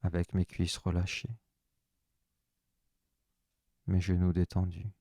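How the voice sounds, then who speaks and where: A man leading a guided relaxation session, giving calm, soft, unhurried instructions in the first person. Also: sits low, no echo, clean studio sound.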